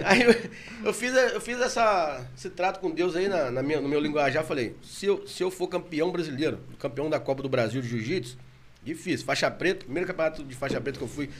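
Excitable high-voiced Brazilian man telling stories. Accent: Brazilian Portuguese. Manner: animated, laughing, gets louder and higher when excited. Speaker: guest telling his story. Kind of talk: casual storytelling in a podcast chat.

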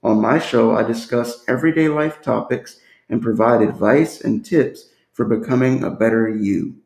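A man hosts a casual podcast interview, friendly and loose with frequent fillers. His mid-pitched voice carries a gravelly fry. The recording has a noticeable roomy echo. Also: moderate pace, a little mellow. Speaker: podcast host.

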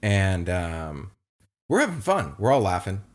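A young man co-hosting a casual chat, telling a story with lively acted-out quotes. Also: measured pace. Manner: animated storyteller, acts out quotes in a high voice. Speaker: podcast co-host.

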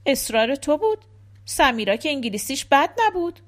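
A woman's voice: high-pitched, lively intonation, voice pushed up. A woman reading the lines of a reserved, curt middle-aged husband in an audiobook story. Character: quiet husband behind a newspaper, middle-aged man.

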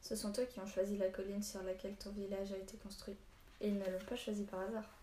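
A woman's voice: mid-range voice, flat delivery, fast, warm tone, lightly acted. A woman reading an audiobook, voicing an old male hermit who is a stern, short-tempered storyteller. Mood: grave. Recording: echoey room, faint hiss.

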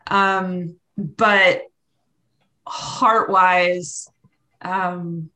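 A woman's voice: lowish voice, fairly even intonation, drawn-out words, pushed and bright, low-quality recording. A woman co-hosting a podcast, chatting casually about football with lots of fillers. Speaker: podcast co-host. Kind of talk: casual sports chat.

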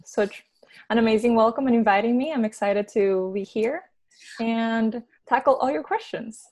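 A woman's voice: fairly high pitch, moderate pace, a little mellow. A woman from Venezuela, answering interview questions in a friendly way with frequent hesitations. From Venezuela, raised in Peru. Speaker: guest.

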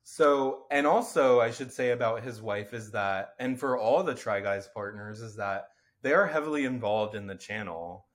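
This podcast co-host talks with a fairly low pitch and a moderate pace, barely pausing. His slightly nasal delivery is loose and rambling, heavy on fillers and casual swearing.

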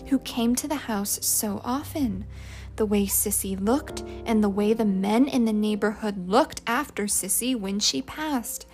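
Slow, high-voiced woman narrating. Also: darkish tone. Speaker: audiobook narrator. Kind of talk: scripted narration.

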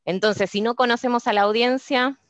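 A woman's voice: fairly high pitch, moderate pace, dry recording. A woman with an Argentine accent hosting a podcast, telling anecdotes in a chatty, casual way. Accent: Argentine Spanish. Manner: lively storytelling, chatty anecdotes. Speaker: podcast host.

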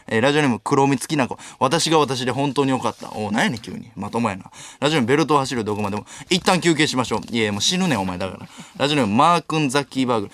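Fast-talking Kansai man, radio tsukkomi. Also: medium pitch, no room sound. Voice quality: sharp comedic retorts, Kansai tsukkomi. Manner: rapid-fire reading and snapping back. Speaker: radio host reading listener mail. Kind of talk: late-night radio solo talk. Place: radio studio. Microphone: studio microphone.

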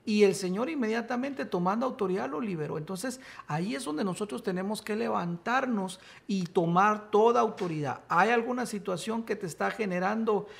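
A man's voice: sits high, normal speed, vocal fry, few pauses, a bit bright. A man preaching and teaching from the Bible, emphatic, rising to exclamations. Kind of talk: sermon-style Bible teaching.

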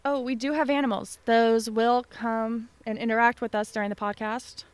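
A woman co-hosts a podcast, chatting casually at a desk microphone in her home basement, which has no door. Her voice is slightly high and smooth, with fairly even intonation and a moderate pace, and the recording sounds dry.

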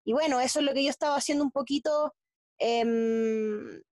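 A Chilean woman speaking as an interview guest, in a halting way with many restarts and fillers. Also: sits high, darkish tone, no room sound. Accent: Chilean Spanish. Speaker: guest athlete. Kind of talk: casual interview talk.

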